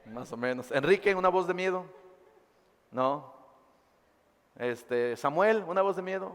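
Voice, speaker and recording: A male pastor preaching a sermon and reading scripture aloud, dramatically swinging between loud and hushed delivery. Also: on the high side, expressive, a little slow, in a large hall. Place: church.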